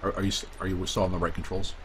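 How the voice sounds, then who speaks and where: A man's voice: low voice, level tone, rapid-fire, slight background noise. A man co-hosting a gaming stream, chatty and rambling with frequent restarts. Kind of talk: casual chat over gameplay.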